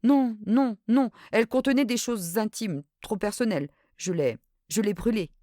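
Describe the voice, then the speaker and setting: A woman reading aloud and voicing a frightened young noblewoman who pleads in a high, trembling voice. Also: moderate pace, mellow, no echo, studio quality, lightly acted. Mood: evasive.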